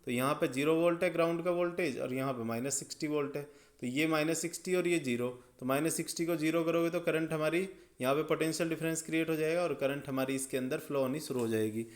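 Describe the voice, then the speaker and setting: A man's voice: a little high, steady tone, fast talker. A man explaining electrical circuits step by step as a tutor, checking often that the listener follows. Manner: step-by-step, checks understanding with "ठीक है". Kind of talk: explaining circuits at a drawing board.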